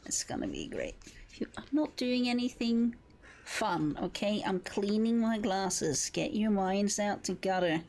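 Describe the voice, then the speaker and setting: A woman live streamer chatting playfully to her viewers while gaming, giggling often and slipping into soft whispers. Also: mid-range voice, measured pace.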